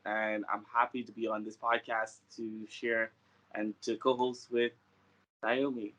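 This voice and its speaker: A man's voice: fairly low pitch, little pitch movement, a little slow, bright, forceful tone, rough recording. A young man, a final-year student, co-hosting the podcast in a plain, level delivery. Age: young adult. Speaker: student co-host.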